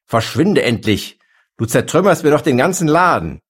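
A man voicing a rude, blasé male shopkeeper who shouts shrilly. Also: fairly high pitch, big pitch swings, brisk, pitched above the performer's own voice. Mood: furious.

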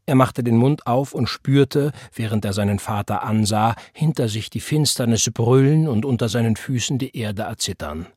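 A man giving measured, solemn audiobook narration into a close mic. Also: mid-range voice, a little mellow, husky, no room sound.

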